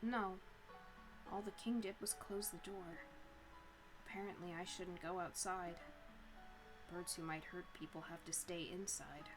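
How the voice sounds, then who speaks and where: Woman voicing a soft, halting male bird professor, gentle on top and broken underneath; visual novel read-aloud. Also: on the low side, steady tone, over music, natural voice, poor audio. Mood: subdued.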